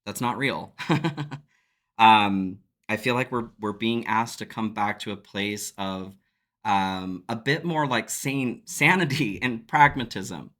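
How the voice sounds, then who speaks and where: Tarot reader, male, lowish voice, easygoing and reflective, chatty with viewers. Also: takes it slowly. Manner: relaxed, reflective, laughs often. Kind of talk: casual spiritual tarot reading.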